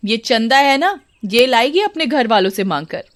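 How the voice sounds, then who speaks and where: Brief: greedy sharp-tongued mother-in-law, read by a woman storyteller, lively scolding, dry close sound. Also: on the high side, normal speed, no room sound, pitched above the performer's own voice. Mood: scornful. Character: greedy harsh middle-aged mother-in-law.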